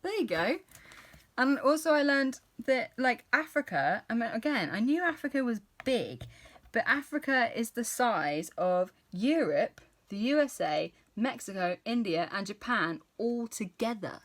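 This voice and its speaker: Speaking a little slowly in a very animated, higher-pitched voice, a British woman in her thirties gives a casual book review chat. This book vlogger is enthusiastic about what she's read, drifting a little off track and filling gaps with lots of fillers.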